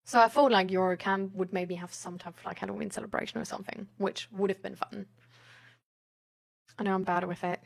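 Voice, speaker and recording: A woman live streamer speaks fairly quickly in a gravelly, mid-range voice with a steady tone. Her casual chat with viewers, including reading their messages aloud, is rambling, giggly and hesitantly phrased.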